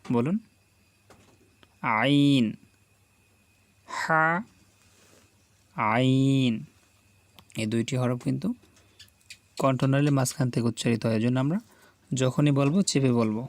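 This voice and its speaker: A man's voice: mid-range voice, steady tone, warm tone, no echo. A man teaching Quran reading, sounding out letters one at a time and patiently urging the viewer to repeat each one after him. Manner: patient, deliberate, coaxing learners to repeat aloud. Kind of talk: slow call-and-repeat letter drill.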